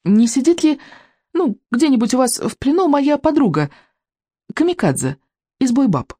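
A woman voicing a polite, quick-witted young boy hero in a storybook reading, sounding earnest and politely pleading. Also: high voice, sing-song, dark tone, no room sound, clean studio sound, voice pushed up.

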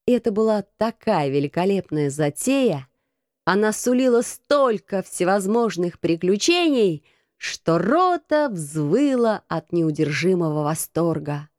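A woman narrating a children's novel as an audiobook, in a steady, expressive reading. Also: medium pitch, measured pace, dry recording, studio quality. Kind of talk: scripted narration.

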